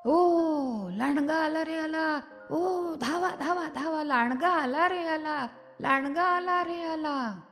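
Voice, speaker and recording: A woman voicing a mischievous young village shepherd boy who shouts and laughs in a raised voice. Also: lively intonation, measured pace, natural voice. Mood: shouting. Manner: high, laughing, shouting cries. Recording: reverberant studio with background music.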